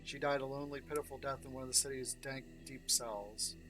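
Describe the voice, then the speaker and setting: A bitter, impoverished woman who has lost everything and now lives for revenge, as a man reads her lines aloud from a video game. The reading carries only light emphasis, close to a plain speaking voice at a middle pitch, with faint music behind. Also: fairly even intonation, a little fast, natural voice, rough recording.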